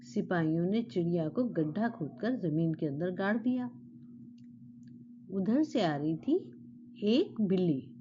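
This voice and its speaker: A woman telling a children's story in Hindi, explaining words and talking warmly to the kids listening. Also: mid-range voice, highs cut off, slight background noise.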